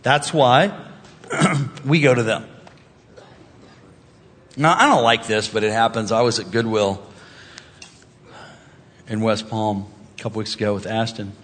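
A man preaching a sermon as pastor, talking in a lively, conversational way with humor and rising emphasis. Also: on the low side, a little slow, long pauses. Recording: reverberant hall.

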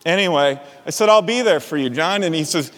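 Speaking a little high and fairly quickly, this middle-aged male preacher recounts a personal story during his sermon. He is an animated storyteller who laughs softly often, and the hall he's in is reverberant.

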